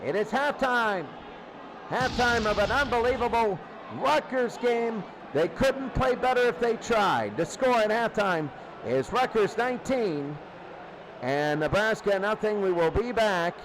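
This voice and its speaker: A man with a high voice calls live football play-by-play in short, clipped phrases that follow the action. He sounds animated but speaks at a slow pace. The broadcast is noisy and low-fi.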